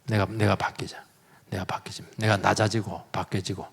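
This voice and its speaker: A man's voice: fairly low pitch, little pitch movement, normal speed, vocal fry, a bit bright, breathy edge. A middle-aged male pastor delivering a sermon in a conversational way, asking rhetorical questions and acting out everyday quotes. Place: church sanctuary. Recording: long reverb of a church hall.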